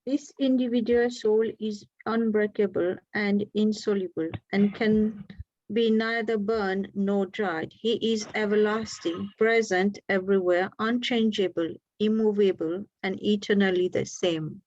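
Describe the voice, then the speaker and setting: A woman with a Mauritian accent and a mid-pitched voice speaks in a measured reading style. The laptop call sounds dry and a little dull. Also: steady tone, a little mellow, dry recording. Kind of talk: measured reading aloud of scripture translation. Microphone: laptop on an online call.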